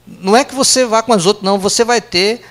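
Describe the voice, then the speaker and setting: A man's voice: sits high, fairly bright tone. A Brazilian man with a Brazilian Portuguese accent giving a talk to a live audience in an office meeting room, conversational and full of tag questions. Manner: conversational, tag questions "né?", quick aside jokes. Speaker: speaker giving a company lunch talk.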